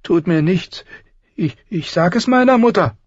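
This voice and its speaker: A man's voice: lively intonation, unhurried, slightly rough, dry recording, dull audio, full character voice. A man doing a whiny spoiled young prince. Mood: whimpering. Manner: shrill and whining, then spiteful. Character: cruel spoiled young prince, whimpering coward.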